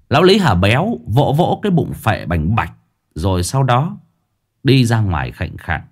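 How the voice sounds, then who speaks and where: Low-voiced storyteller. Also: male voice. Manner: expressive storytelling, acts out all voices. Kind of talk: ghost story narration. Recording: faint background music.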